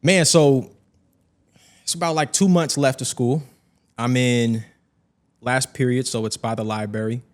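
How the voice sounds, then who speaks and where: A man's voice: mid-range voice, a little slow, pauses often. A young man, a podcast guest, telling a personal story in casual conversation and acting out the voices of people in it. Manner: animated, acts out quoted voices.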